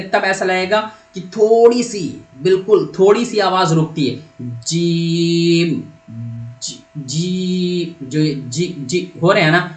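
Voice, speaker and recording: A man with a fairly high voice gives a patient, step-by-step pronunciation lesson. He poses questions and answers them himself, and he draws out each letter sound slowly so learners can copy it. The recording is roomy and echoey. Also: fairly bright tone. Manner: stretches out letter sounds to demonstrate. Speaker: Quran reading teacher.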